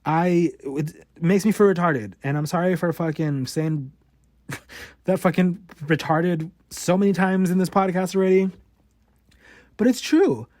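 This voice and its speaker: With a high-sitting, darkish voice and a measured pace, a man in his twenties hosts a podcast and speaks openly about his life, peppering it with curses. He stutters, repeating words and cutting off sounds. The audio is clean studio sound without any room sound.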